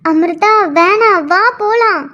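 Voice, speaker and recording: A woman voicing a gentle, cautious schoolgirl friend in a cartoon, talking in a soft, soothing way. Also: extremely high pitch, takes it slowly, full character voice. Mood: pleading. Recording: dull lo-fi audio.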